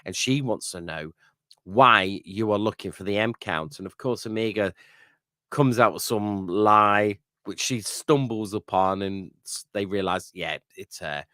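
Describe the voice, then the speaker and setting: A podcast co-host casually recaps an episode, full of fillers and "you know what I mean" tag questions. His voice sits on the low side and moves a little slowly, with a fairly bright tone. The recording is dry and studio quality.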